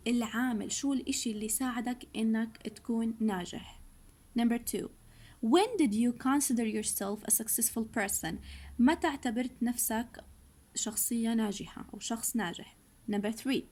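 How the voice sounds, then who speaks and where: Woman teaching English slowly. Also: fairly high pitch, darkish tone. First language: Arabic. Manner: reads each English line slowly, then explains it in Arabic. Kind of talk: recorded online lesson.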